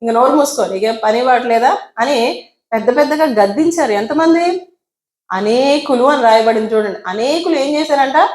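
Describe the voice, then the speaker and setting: Preaching with lively intonation at a moderate pace, a woman evangelist fills her sermon with rhetorical questions and performs the voices of her story's characters. Her voice is high-pitched and a little mellow, with roomy echo in the recording.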